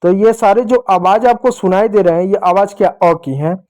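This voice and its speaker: High-voiced man teaching kids. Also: a little mellow. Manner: patient, repeats sounds slowly, addresses kids directly. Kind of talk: Hindi lesson for young children.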